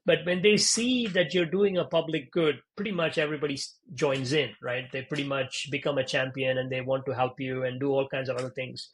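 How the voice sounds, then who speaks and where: A man from India, a startup founder being interviewed, telling stories in a lively conversational way with lots of "you know" and "right?". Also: medium pitch. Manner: animated, acts out quoted dialogue, frequent "you know" and "right?".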